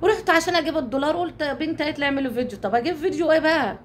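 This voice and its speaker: Egyptian woman vlogger, high voice, rapid chatty delivery, keeps swearing it's true. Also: slight background noise. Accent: Egyptian Arabic. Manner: chatty, swears oaths, calls viewers dear ones. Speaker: YouTube channel host. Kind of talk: casual talk to viewers.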